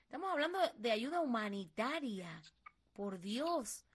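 A woman interviewer with a high voice asks her questions in a sympathetic, exclaiming way. She speaks in clear, plain phrases. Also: very animated, a little slow.

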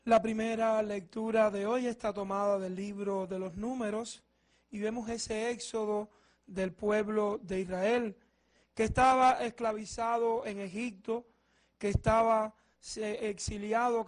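A man speaking as a priest at Mass, reading scripture and preaching. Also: sits high. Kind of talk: Gospel reading and homily.

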